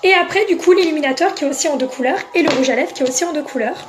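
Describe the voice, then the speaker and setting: A woman's voice: sits high, racing, noisy background. A French-speaking woman selling makeup on a casual live stream, chatting and answering viewers by name.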